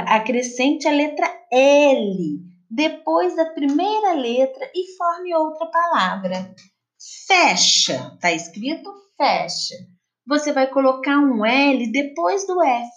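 A female teacher with a Brazilian Portuguese accent speaks in a high, slow, sing-song classroom voice. She patiently walks children through their homework exercises.

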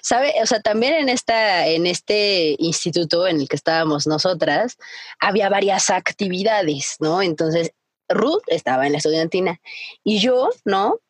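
Mexican girl telling stories on a podcast, bouncy voice, kinda husky, dry close sound. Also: on the low side, unhurried, no echo. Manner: animated, acts out her dad's shouting, many fillers. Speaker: podcast co-host. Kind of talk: casual storytelling chat.

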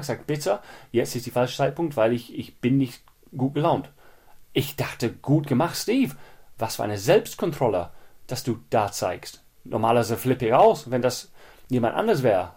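Male podcast host, husky and slightly breathy, mid-pitched, a rambling solo storyteller venting frustration. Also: a little mellow. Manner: rambling, frequent restarts, vents frustration. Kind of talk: personal storytelling monologue.

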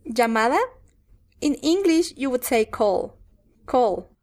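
A woman's voice: fairly high pitch, expressive, slow pace, darkish tone. A woman co-hosting a bilingual pronunciation lesson, giving the English word for each prompt and repeating it. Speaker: co-host answering as student.

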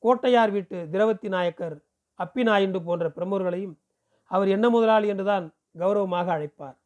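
Give me a man with a fairly high voice reading a novel aloud, steady and even-toned storytelling. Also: moderate pace, dull audio. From Pondicherry, India. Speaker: audiobook reader.

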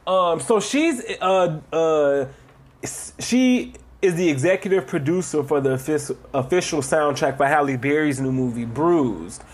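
A man's voice: on the high side, a little slow. A man co-hosting a podcast in casual chat, swearing freely and mimicking people in exaggerated tones. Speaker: podcast co-host.

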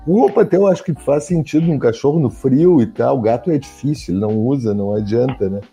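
A man interviewing an author, thinking out loud and hesitating between his phrases. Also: mid-range voice, quick pace, creaky, husky, faint music behind. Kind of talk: casual interview questions.

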